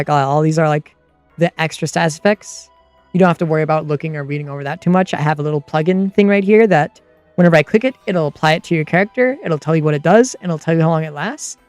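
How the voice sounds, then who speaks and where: Androgynous streamer, mid-pitched voice, chatty and rambling, casual game master explanations, music behind. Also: darkish tone, dry recording. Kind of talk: casual livestream chat, explaining tabletop game rules.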